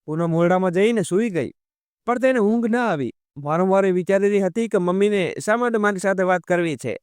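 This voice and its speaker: Guy narrating a story, high smooth voice, steady, super dry close mic. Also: brisk, no echo.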